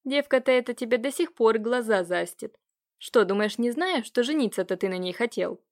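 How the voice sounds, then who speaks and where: A woman reading an audiobook, voicing an agitated older nobleman who scolds and nags his nephew with a hoarse, rising voice. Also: on the high side, lively intonation, normal speed. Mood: jealous, scornful. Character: agitated older nobleman uncle, jealous and nagging.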